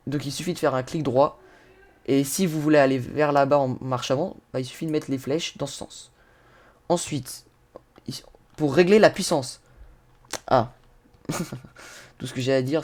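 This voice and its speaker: A man's voice: on the high side, a little mellow. A man giving casual game tutorial commentary, talking straight to his viewers and laughing and swearing at his own mishaps. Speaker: gaming YouTuber.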